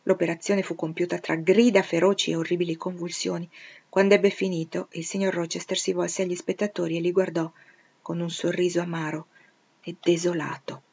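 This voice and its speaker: A woman's voice: on the low side, little pitch movement, a little fast, a little mellow, husky. Woman reading a novel aloud, lo-fi. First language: Italian. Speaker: audiobook reader. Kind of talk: literary reading. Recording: dull lo-fi recording.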